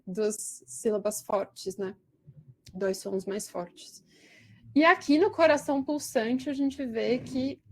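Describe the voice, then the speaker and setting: Slow, hesitant woman lecturing. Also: fairly high pitch. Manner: slow, hesitant, with many fillers. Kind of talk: poetry lesson with slide commentary.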